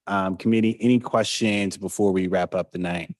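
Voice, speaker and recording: A man chairing a public meeting in a measured, weighty, semi-formal procedural manner. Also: sits low, steady tone, dry recording.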